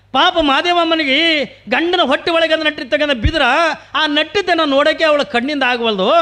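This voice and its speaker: A man's voice: extremely high pitch, bright, forceful tone. A man telling a devotional story as a purana preacher, sing-song and full of rhetorical questions.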